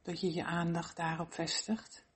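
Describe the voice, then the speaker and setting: Soft, husky, breathy meditation guide. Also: medium pitch, completely flat delivery. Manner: gentle, slow instructing with long pauses. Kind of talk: guided body-scan meditation.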